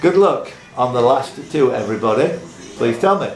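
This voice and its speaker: This man has a mid-range voice with lively intonation and a moderate pace. Hosting a pub quiz, he reads out questions and trades chatty, teasing banter with contestants, while the echoey room carries background music.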